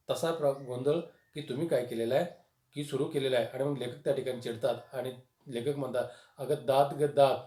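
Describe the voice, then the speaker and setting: A man teaching a lesson on a humorous text, repeating himself often with many fillers and loudly acting out the quoted dialogue. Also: mid-range voice. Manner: acts out the quoted dialogue with rising, louder lines. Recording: echoey room.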